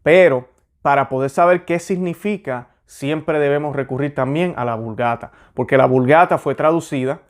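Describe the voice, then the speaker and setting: A man's voice: mid-range voice, normal speed. Hesitant man explaining church history. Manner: hesitant, self-correcting with many fillers. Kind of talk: casual teaching talk.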